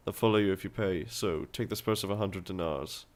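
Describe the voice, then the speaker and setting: A man's voice: sits low, fairly quick, close to an everyday voice. A man reading a game's dialogue aloud, voicing a scheming middle-aged male town merchant in a persuasive, businesslike way with put-on accents.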